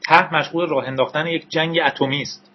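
A man's voice: fairly even intonation, highs cut off, a little hiss or hum, natural voice. A man doing a frantic pleading young man. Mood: urgent. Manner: high, urgent, pleading.

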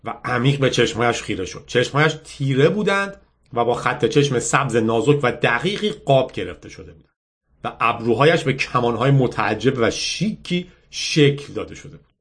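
A man's voice: mid-range voice, lively intonation. A man reading a novel aloud and breaking off for chatty, wry commentary. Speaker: book reader and podcaster. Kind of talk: audiobook reading with casual commentary.

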